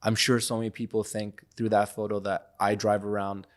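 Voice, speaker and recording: Young guy from iraq, bit low voice, chatty and thoughtful as a podcast guest. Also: level tone, brisk. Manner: reflective, loose and conversational, many fillers. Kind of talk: casual interview talk.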